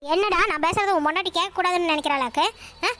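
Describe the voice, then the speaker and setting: A woman's voice: extremely high pitch, fast talker, bright, forceful tone. A woman voicing a domineering older mother-in-law in a Tamil cartoon, scolding and nagging, with a challenging "aa?" at the end of her lines.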